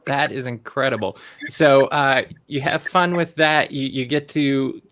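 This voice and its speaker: A male host leads a relaxed interview. He responds with encouragement and follows up with questions. His voice sits in the middle range. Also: mid-range voice, unhurried. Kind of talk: casual interview.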